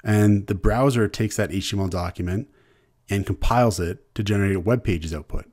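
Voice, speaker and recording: Low, mellow Canadian man lecturing. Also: fairly quick. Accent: Canadian English. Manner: relaxed, conversational explaining with repeated restarts. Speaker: university instructor. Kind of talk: screencast lecture.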